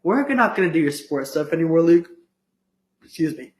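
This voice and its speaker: A man's voice: fairly high pitch, expressive, normal speed, a little mellow, reverberant, poor audio. A teenage boy co-hosting a podcast, chatting casually and teasing his friend, with lots of "um" and "like". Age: teens. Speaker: podcast co-host. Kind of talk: casual chat.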